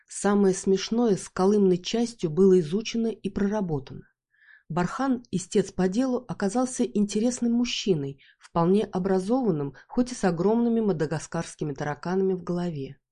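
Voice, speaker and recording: A woman narrating a first-person story in a wry, measured way. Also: mid-range voice, lively intonation, warm tone.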